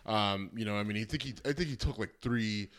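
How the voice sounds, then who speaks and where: A man's voice: on the low side, brisk, a bit bright. A man co-hosting a casual chat, filling his talk with "you know" and "I mean". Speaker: podcast co-host.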